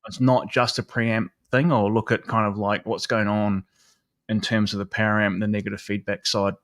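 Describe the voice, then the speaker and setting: A New man hosts a live stream, chatting in a loose, rambling way full of fillers. His voice sits a little low, and the sound is dry and close. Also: level tone, normal speed, a bit bright, no echo. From New Zealand. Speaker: livestream host. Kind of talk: casual chat.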